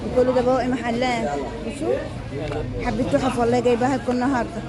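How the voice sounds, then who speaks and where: A high-voiced Egyptian woman gives a casual shopping tour amid a loud market crowd. She talks quickly, quizzing vendors on prices as in market haggling and repeating the answers to viewers. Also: little pitch movement. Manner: asks vendors prices, haggling-style chat in an Arabic market. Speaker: shopping vlogger. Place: crowded outdoor street market.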